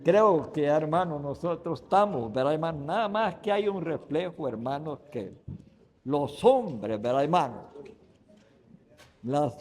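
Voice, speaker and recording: A man delivers a Sunday sermon in a fairly high voice, taking his time over every phrase. He speaks in emphatic bursts and keeps turning to the congregation with "brothers" and a questioning "right?". The sound rings with the long reverb of a church hall. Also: lively intonation, unhurried. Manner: emphatic preaching with sudden loud stresses. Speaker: guest preacher. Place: church sanctuary.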